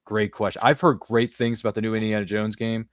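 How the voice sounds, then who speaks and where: A podcast host chats casually and jokingly on a livestream, reading out viewer comments, quoting pop culture, and repeating phrases. His voice is lowish with little pitch movement and a slightly fast pace, captured in a dry, studio-quality recording.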